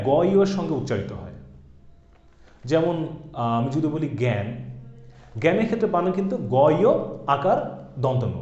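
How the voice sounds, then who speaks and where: Man, grammar teacher, animated voice, mellow tone, repeats example words. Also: on the high side. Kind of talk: recorded exam-prep lecture. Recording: echoey room, dull lo-fi sound.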